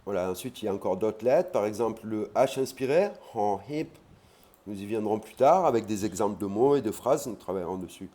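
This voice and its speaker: A man teaching an online language lesson, explaining patiently and repeating key words slowly. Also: lowish voice, expressive, mellow.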